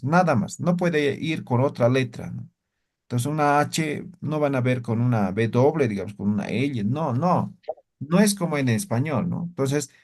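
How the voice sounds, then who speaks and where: A man's voice: a little high, darkish tone. A man teaching a spoken language lesson, explaining patiently, repeating words and checking with "¿no?" after most phrases.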